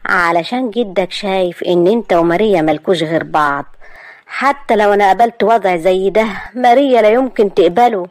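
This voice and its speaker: Woman playing a stern older Egyptian uncle, firm, deliberate, dry close sound. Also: medium pitch, dry recording, lightly acted. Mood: insistent.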